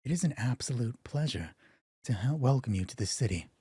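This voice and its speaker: A man's voice: mid-range voice, animated, brisk, warm tone, husky, no echo, studio quality. A man voicing a friendly, overly formal male guard captain in his tabletop game, with a stumbling, ceremonious welcome. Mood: welcoming.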